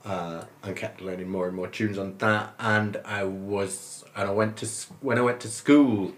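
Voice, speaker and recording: Fifties guy from northern england, lowish voice, rambly and jokey, keeps laughing. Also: fairly even intonation, moderate pace. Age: 50s. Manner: rambling and good-humoured, often laughing while talking. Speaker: guest musician. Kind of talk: casual interview chat.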